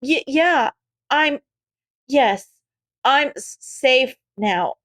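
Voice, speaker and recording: A woman's voice: high voice, no echo. A woman voicing an anxious, guilt-ridden teenage boy who stammers and halts as he speaks. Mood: nervous guilt. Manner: stammering, halting.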